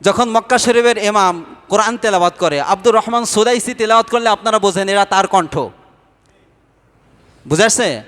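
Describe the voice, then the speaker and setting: High-voiced man preaching in a reverberant hall. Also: moderate pace, pauses often, a bit bright. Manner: asks the audience questions and answers them himself. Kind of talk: Islamic sermon.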